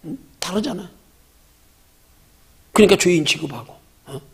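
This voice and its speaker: 성경공부 시간에 설교하는 남자 목사로, 반말로 청중에게 직접 말을 걸며 수사적 질문을 자주 던진다. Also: male voice, high-pitched, moderate pace, breathy edge. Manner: emphatic, talks directly to listeners in casual speech, rhetorical questions. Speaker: pastor. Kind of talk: Bible study sermon.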